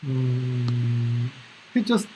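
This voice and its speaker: A man with a Korean accent, a native Korean speaker, doing English shadowing practice, echoing lines a beat behind and repeating them haltingly. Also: mid-range voice, lively intonation, music in the background. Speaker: live-streaming English learner. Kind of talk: shadowing practice, repetitive drilling.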